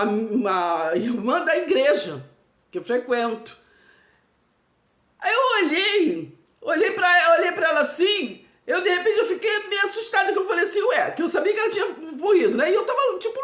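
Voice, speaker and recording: Mulher com sotaque brasileiro, voz alta no tom, testemunho pessoal, fala entrecortada e emotiva, ambiente com eco. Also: female voice, sits high, very animated, fairly bright tone. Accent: Brazilian. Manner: halting and emotional, with many restarts and nervous laughs. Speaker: host of a live stream. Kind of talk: personal supernatural testimony. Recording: echoey room.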